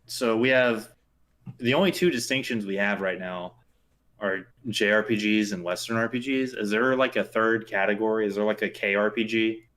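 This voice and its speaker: A man's voice: on the low side, moderate pace, a bit bright. A young man co-hosting a podcast, chatting casually and rambling with lots of fillers. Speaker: podcast co-host. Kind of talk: casual chat.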